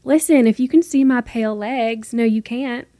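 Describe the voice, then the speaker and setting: Speaking over music in a slightly high voice, a North Carolina woman in her twenties hosts a solo podcast from her room. Her delivery is fast, chatty and playful, and her largely neutral American accent sometimes takes on a gentle Southern lilt.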